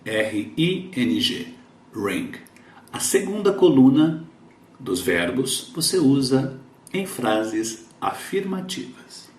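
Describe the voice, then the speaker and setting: A man teaching English in Portuguese, slowly repeating English words and sentences for pronunciation. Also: mid-range voice, sing-song, reverberant. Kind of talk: English lesson in Portuguese, reading and explaining sentences.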